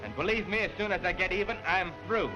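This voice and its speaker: This early talkie has an actor with a high-pitched, animated voice playing an eager, earnest young man full of worry. He talks at a quick pace over the dull, music-laden soundtrack typical of the 1920s.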